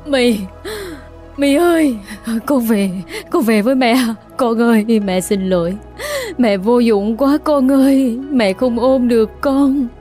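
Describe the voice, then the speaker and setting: A man's voice: very high voice, slow, a little mellow, voice pushed up. A man voicing a middle-aged mother, sobbing and pleading. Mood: grieving. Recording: narration with faint music.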